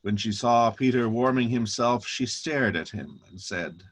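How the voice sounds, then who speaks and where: A man's voice: medium pitch, a little slow, breathy edge. A man narrating a dramatic reading of scripture.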